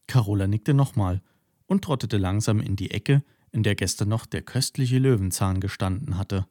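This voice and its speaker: A man narrating a children's story in an expressive storytelling way. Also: lowish voice, no echo, studio quality.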